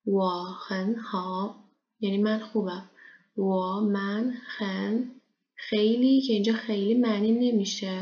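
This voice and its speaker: A woman language teacher explaining a lesson step by step, patiently slowing down to model pronunciation. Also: on the high side. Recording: dull lo-fi recording with faint noise.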